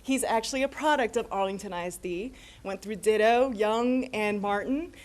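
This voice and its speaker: Middle-aged woman, American accent, mid-range voice, conversational acceptance speech, halting delivery. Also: mid-range voice, a little mellow. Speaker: newly appointed assistant principal. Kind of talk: informal thank-you speech.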